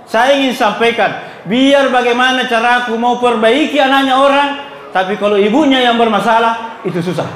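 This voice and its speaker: High-voiced storytelling preacher with a South Sulawesi accent. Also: male voice, fairly quick, fairly bright tone, slight background noise. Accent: South Sulawesi Indonesian. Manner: jokey storytelling, asks the audience questions. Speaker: Islamic preacher. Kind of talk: humorous sermon with anecdotes. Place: hall at a religious gathering. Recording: echoey hall with audience murmur.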